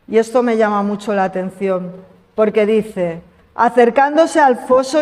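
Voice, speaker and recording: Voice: mid-range voice, darkish tone. Preacher, accent from Spain, conversational sermon with rhetorical questions, echoing church hall. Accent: Spain Spanish. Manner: conversational, asks the congregation questions.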